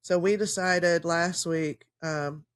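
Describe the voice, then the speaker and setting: Slow-talking woman with a morning voice. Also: fairly low pitch, steady tone, clear, resonant tone. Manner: chatty, laughs often, trails off with fillers. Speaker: podcast co-host. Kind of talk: casual podcast chat. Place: home. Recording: level drops in and out.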